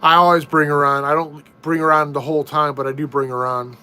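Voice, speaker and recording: A man's voice: a little high, little pitch movement, sharp tone, clean tone. A middle-aged American man hosting a casual live stream from a room at home, reading viewer comments in an easygoing way and often restarting his sentences. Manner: easygoing, slow, repeats himself and restarts.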